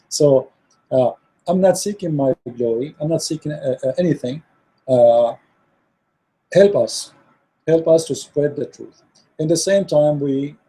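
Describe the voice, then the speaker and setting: Losing his voice, this man sounds hoarse, dark and husky, with a mid-range pitch, and the audio quality is poor. He's an online religious debater wrapping up with closing words to viewers, speaking earnestly and repeating himself amid plenty of fillers and restarts.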